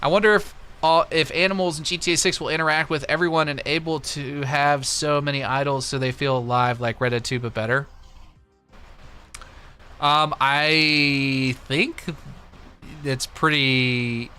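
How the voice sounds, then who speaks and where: A little high and unhurried, this man's voice has fairly even intonation and a bright, forceful, smooth tone, with soft music in the background. An American from Missouri, he hosts a livestream, giving casual opinions to viewers over a close desktop USB microphone.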